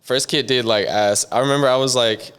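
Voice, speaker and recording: A man's voice: medium pitch, fairly quick, smooth. A young man from San Diego, a music producer talking casually in an interview, rambling with lots of "like". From San Diego, USA. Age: young adult. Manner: relaxed, rambling, heavy on "like".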